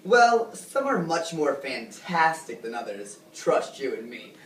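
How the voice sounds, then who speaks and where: A woman's voice: a bass voice, very animated, a little slow, exaggerated voice. A teenage girl playing a showy talk-show host who gushes and fawns over her guests. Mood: gushing. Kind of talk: amateur talk-show skit. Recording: echoey room, distant mic, faint noise.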